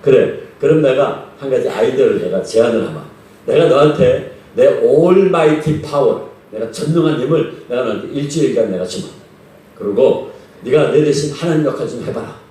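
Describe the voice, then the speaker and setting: A man voicing a gruff, teasing God who scolds a complaining man in blunt banter, retold in a sermon. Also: medium pitch, moderate pace, mellow, lightly acted. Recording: echoey church hall, distant mic.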